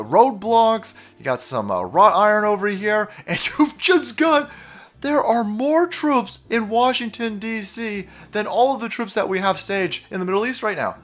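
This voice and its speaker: A man giving a casual, profane and sarcastic political rant while commenting on images. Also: high voice. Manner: profane, sarcastic, frequent laughs.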